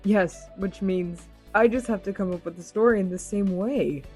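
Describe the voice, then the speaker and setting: A woman voicing an earnest, polite, curious young actress in an anime fan dub, with theatrical, deliberate, formal phrasing. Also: mid-range voice, darkish tone, faint music behind, lightly acted. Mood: thoughtful.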